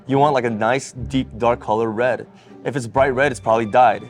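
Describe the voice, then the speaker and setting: A man's voice: mid-range voice, steady tone, moderate pace, faint music behind. A man from the Philippines, an executive chef, coaching a beginner through cleaning fish in a direct, teasing way in a restaurant kitchen. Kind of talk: casual instruction.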